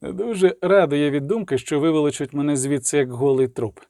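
A man's voice: fairly quick, dark tone, no echo, clean studio sound, close to an everyday voice. A man reading aloud and voicing a weary, reserved warrior who mutters his lines. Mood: muttering. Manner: low, muttering.

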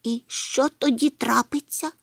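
A woman's voice: fairly high pitch, big pitch swings, normal speed, no echo, clean studio sound, pitched above the performer's own voice. A woman voicing a small, fussy, timid male creature in a storybook reading, with a whiny, hesitant manner.

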